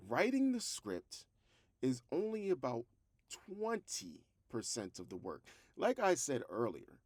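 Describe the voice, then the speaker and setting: A man with a fairly low, darkish voice talks casually to camera as a vlog host, rambling in a conversational, self-deprecating way. He is a host who creates fiction podcasts. There is no room sound.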